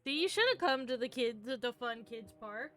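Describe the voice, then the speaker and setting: A woman's voice: a little high, lively intonation, a little fast, a bit bright. A woman streamer giving playful, exclamatory casual reactions to an old film. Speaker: live streamer. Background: music from the film.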